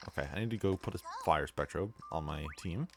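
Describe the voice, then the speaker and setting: A man's voice: low voice, animated, a little fast. A young man rambling casually with lots of fillers while commenting on his gameplay as a let's play host. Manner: rambling, laid-back, many fillers.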